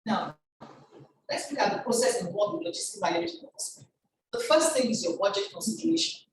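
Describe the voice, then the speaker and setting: An older woman giving a formal, measured presentation as a guest speaker, heard over a conference call. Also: medium pitch, sing-song. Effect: conference call audio. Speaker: guest speaker, chief pharmacist. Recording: echoey, distant online conference call with background noise.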